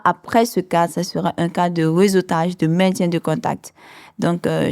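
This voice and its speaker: A woman answering interview questions about a youth program in measured, formal phrasing. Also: on the low side, darkish tone, smooth.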